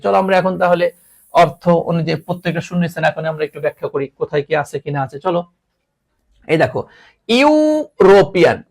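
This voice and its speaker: A man's voice: a little high, animated, quick pace, pauses often, darkish tone. A man teaching an English grammar lesson to students, mixing English and Bengali with a Bangladeshi Bengali accent and teasing the class.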